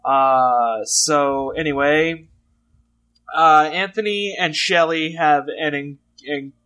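Man from Texas, podcast co-host, jokey, laughs a lot, slightly higher voice. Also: slow pace, sharp tone. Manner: jokey, laughs often, trails into restarts. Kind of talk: casual comedic recap chat.

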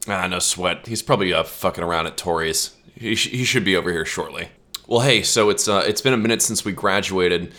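Laid-back low-voiced male podcast host. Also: fairly quick, sharp tone. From United States. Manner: joking, profane, laughs often. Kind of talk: casual podcast chat.

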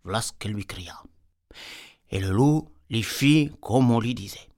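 A man's voice: fairly low pitch, a little slow, darkish tone. A man telling a tale in a comic folksy way, rambling off into peasant chatter. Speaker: storyteller.

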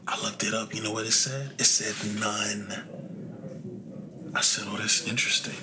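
A man in his late twenties hosting a casual sports podcast, animated and talkative, his voice jumping up when he gets excited. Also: fairly low pitch, normal speed, noisy background. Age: 20s. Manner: animated, rises to near shouting when excited. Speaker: podcast host.

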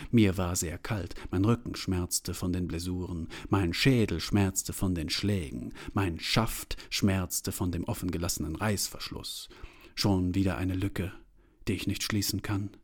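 A man reading his own surreal short story aloud in a deliberate, dramatic storytelling manner. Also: low-pitched, steady tone. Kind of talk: literary reading.

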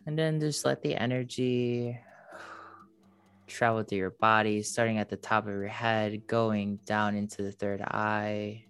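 A podcast host leading a spiritual guided meditation in a slow, soothing, airy and breathy voice, like a mystical healer. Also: medium pitch, fairly even intonation.

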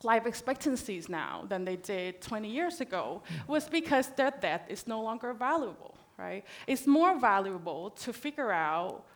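Woman from thailand on a panel, chatty, keeps saying right?, mid pitch. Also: very animated, moderate pace, few pauses. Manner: conversational, frequent "right?" tags. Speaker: panel speaker. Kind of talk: panel discussion talk.

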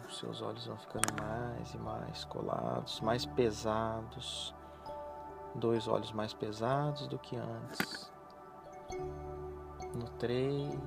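A man speaks softly at a medium pitch, with noticeable fry in his voice. He guides a hypnotic relaxation in slow, repetitive, soothing phrases, leaving pauses between them. Music plays clearly behind him. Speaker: hypnotherapist guiding a relaxation session. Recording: voice over background music.

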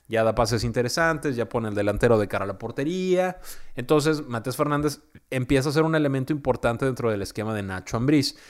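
Man, Mexican accent, football analyst, conversational, tags his points with quick questions. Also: medium pitch. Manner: conversational, frequent "¿no?" tags and "este" fillers.

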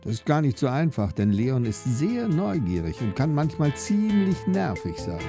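A man narrating a children's story in a playful, dramatic storytelling manner with sudden slowdowns. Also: on the high side, very animated, warm tone, soft background music. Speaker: audiobook narrator.

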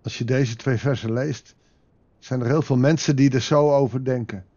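A man giving a daily Bible meditation, calm and reflective, with pauses and rhetorical questions, on a dull lo-fi recording. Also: medium pitch. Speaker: devotional speaker.

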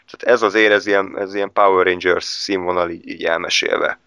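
A man with a low, smooth and resonant voice talks through superhero films in a relaxed chat. He hesitates a lot, repeating words and filling pauses as he thinks. The sound is dry and close. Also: dry recording. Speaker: film reviewer. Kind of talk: casual film review chat.

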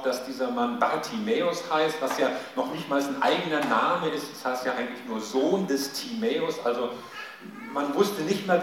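A man giving a sermon, telling a Bible story in a lively way and shouting out the quoted cries. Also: medium pitch, background noise. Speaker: preacher. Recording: echoey hall, mic at a distance.

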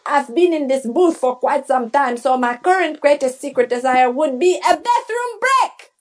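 A woman's voice: high voice, expressive, normal speed. A woman playing a quirky, chatty, earnest game show contestant in a comedy sketch. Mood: serene.

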